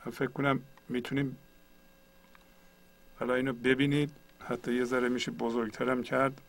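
A man's voice: mid-range voice, little pitch movement, creaky, rough recording. A man teaching a computer tutorial, patiently explaining each step one at a time. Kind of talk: screen-share tutorial.

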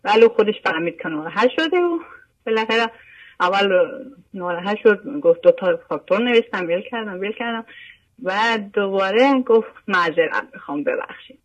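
A woman's voice: medium pitch, expressive, low-quality recording. An older woman calling in, telling a personal story in an earnest, repetitive way. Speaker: caller. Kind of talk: phone-in chat.

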